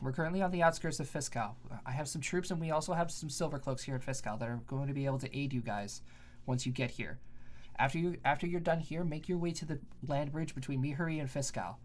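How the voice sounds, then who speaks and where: A man voicing a military commander who briefs the party in a steady, halting way. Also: fairly high pitch, close to an everyday voice. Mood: instructive. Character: adult military commander giving orders by message.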